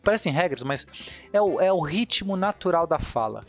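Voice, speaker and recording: A man's voice: a little high, expressive, normal speed, faint music behind. A man with a Brazilian accent explaining poetry in a casual podcast chat, eager and full of restarts. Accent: Brazilian Portuguese.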